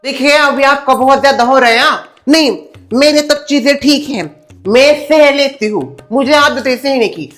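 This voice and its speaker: A chatty, complaining middle-aged housewife, acted by a man in a comedy sketch. She talks in a high voice and keeps accusing her neighbor. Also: normal speed, a bit bright, faint music behind.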